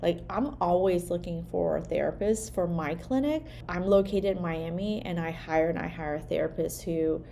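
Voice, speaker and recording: With a fairly low pitch and dark tone, a Vietnamese-born hand therapist delivers an informal lesson. She talks conversationally, peppering her speech with "like" and "right?", against slight background noise.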